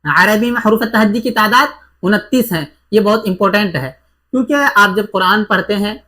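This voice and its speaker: A man's voice: high voice, pushed and bright. A man teaching an exam-prep grammar lesson, who repeats each point and asks and answers his own questions.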